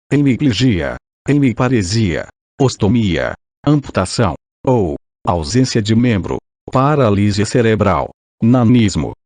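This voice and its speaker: Old synthesized male voice, Brazilian, low-pitched. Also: darkish tone, dry recording. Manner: mechanical scripted reading, spelling out punctuation. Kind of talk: audiobook reading of a legal text.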